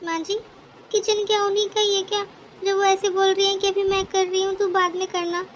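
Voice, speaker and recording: A woman's voice: very high-pitched, little pitch movement, brisk, slight background noise. A woman voicing a scheming young daughter-in-law who sweet-talks and complains in a cartoon. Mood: whining. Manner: whiny, sugary, tattling. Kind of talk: cartoon voice acting.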